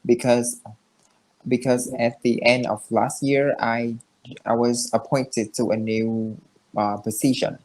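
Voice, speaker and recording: A young man from Vietnam speaking English with a Vietnamese accent, halting with many fillers and restarts as he vlogs his study progress. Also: mid-range voice, flat delivery, darkish tone. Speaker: English learner vlogging daily progress. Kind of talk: casual self-recorded vlog and video call lesson.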